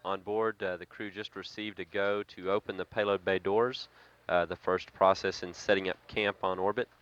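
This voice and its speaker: Low-voiced male mission control commentator. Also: steady tone, fairly bright tone. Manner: measured, halting, factual delivery. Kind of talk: live spaceflight commentary. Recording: dull lo-fi broadcast feed.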